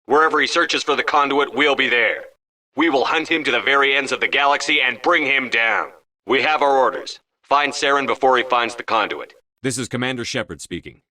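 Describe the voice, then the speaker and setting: An actor voicing a resolute, stern starship commander in a video game, with a firm, controlled, commanding delivery. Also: male voice, mid-range voice, brisk, pushed and bright. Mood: rousing, determined.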